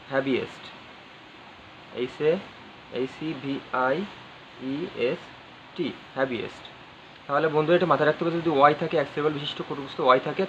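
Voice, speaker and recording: A man's voice: on the high side, a bit bright. A man teaching an English grammar lesson, spelling words letter by letter, repeating phrases and asking his viewers questions. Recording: slightly dull audio with faint ambient noise.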